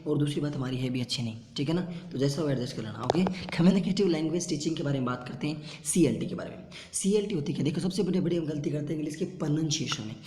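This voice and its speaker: A man's voice: on the high side, dark tone, slight background noise. Echoey Hindi-speaking male lecturer. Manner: drills pronunciation, repeats terms slowly. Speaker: teacher. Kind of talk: online exam-prep lecture. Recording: echoey room with long reverb.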